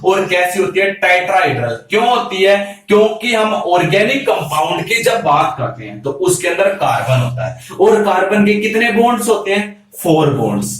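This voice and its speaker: High-voiced male teacher in an echoey room. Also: sing-song, normal speed, hardly any pauses, a bit bright. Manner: keeps asking rhetorical questions and answering them himself; calls students "beta". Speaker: chemistry teacher. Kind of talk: classroom lecture. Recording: very echoey room, mic far off.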